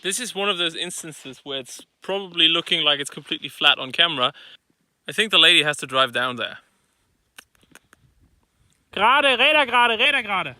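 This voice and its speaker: A man's voice: fairly high pitch, brisk, pushed and bright. A man hosting a travel vlog, talking casually in a wry, self-deprecating way. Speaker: vlog host.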